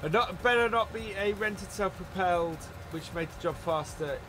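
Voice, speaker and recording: A man's voice: sits high, moderate pace, background noise. A man hosting a live gameplay stream, chatting casually and greeting viewers by name while he plays. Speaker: livestream host.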